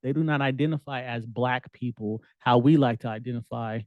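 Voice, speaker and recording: A man's voice: medium pitch, fairly quick, dry recording, narrow, tinny audio. Casual man teaching scripture. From United States. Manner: conversational, street slang, reads scripture aloud. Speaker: Bible teacher.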